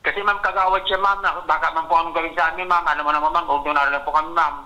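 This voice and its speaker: A man speaking haltingly in a phone interview, adding "ma'am" after nearly every phrase. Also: a little high, steady tone, sharp tone, poor audio. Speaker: complainant caller.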